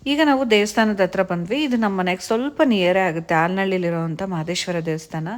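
A woman's voice: medium pitch, brisk. A young adult woman and mother narrating a casual family vlog in a chatty way, dropping English words into her talk.

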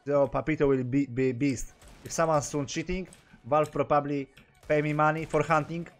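A young man with a Polish accent telling stories in a casual vlog, animated and jumping between his own language and broken English, with sudden loud exclamations. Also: fairly high pitch, unhurried, faint music behind. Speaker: gaming streamer vlogger.

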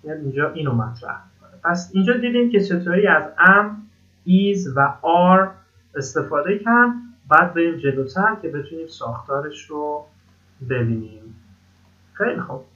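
A man in his thirties from Iran teaching a beginner English grammar lesson from slides, slowing down to stress each English example. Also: fairly high pitch, lively intonation, bright, forceful tone, muffled recording. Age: 30s.

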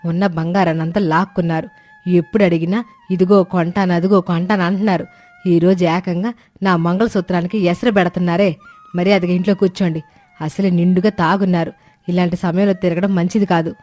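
A woman's voice: fairly low pitch, steady tone, a little fast, dark tone, faint music behind, lightly acted. A woman voicing a long-suffering, devoted wife and mother who pleads with her drunk husband. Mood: pleading.

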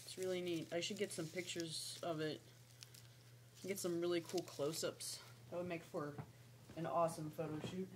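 Speaking at a moderate pace in a lowish voice with fairly even intonation, a young snake owner records a casual, meandering vlog, pausing occasionally to coo at her pet. The noisy audio comes from a webcam or laptop mic held at arm's length in a small, lamp-lit room at home.

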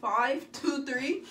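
Young woman, giggly, casual, high-pitched, noisy camera recording. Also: roomy sound. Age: young adult. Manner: giggly, joking. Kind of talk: casual chat among friends. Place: small bedroom with friends. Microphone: camera a few feet away. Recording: noisy bedroom camera audio.

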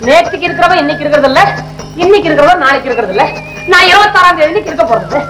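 Brooding, sardonic film character played by an actor, voice pitched high, faint music underneath. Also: female voice, expressive, rapid-fire, rough recording. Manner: gloomy, sardonic grumbling. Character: fretful middle-aged man brooding over death. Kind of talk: 1960s Tamil film acting.

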